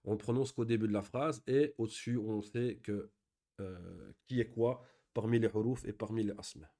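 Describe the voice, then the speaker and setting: A man teaching an online beginners' Arabic reading class, patiently reading example sentences slowly and then explaining each point step by step. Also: fairly low pitch, dark tone.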